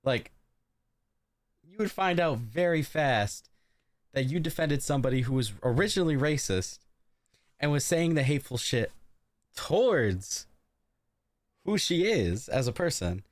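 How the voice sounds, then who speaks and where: Male streamer in casual reaction mode, cussing and emphatic, with a lively, swinging pitch. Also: measured pace, pauses often. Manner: profane, emphatic, rambling. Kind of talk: casual live reaction commentary.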